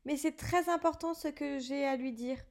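A woman's voice: high-pitched, normal speed. A woman voicing an earnest young schoolboy wizard who presses his questions urgently.

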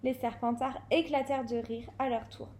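A woman's voice: on the high side, moderate pace. A woman reading a novel aloud expressively, now and then stumbling and correcting herself. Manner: expressive, with occasional slips and self-corrections. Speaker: reader.

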